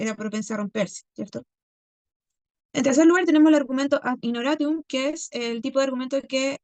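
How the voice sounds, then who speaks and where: Lady teacher explaining stuff to her class, kinda high voice, lots of "eh" and "¿ya?", dry close sound. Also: no room sound. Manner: explanatory, frequent "¿ya?" and "¿cierto?" checks, many "eh" fillers. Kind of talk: recorded class review lecture.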